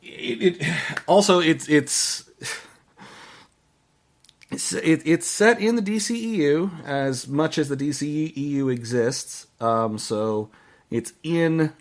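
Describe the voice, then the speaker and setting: A man hosting a podcast, giving casual movie reviews in a halting way, often restarting and trailing off mid-phrase. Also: a little high. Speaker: podcast host.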